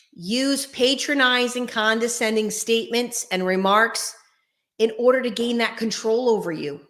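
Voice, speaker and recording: A woman hosts a casual advice video in a slow, deliberate delivery with a bright, forceful voice. She speaks straight to her listeners with emphasis. The room is bare and echoes noticeably around her words. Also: on the high side. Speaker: host. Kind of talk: casual direct-to-viewer advice talk. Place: echoey room without carpets or soundproofing. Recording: echoing bare uncarpeted room, faint music.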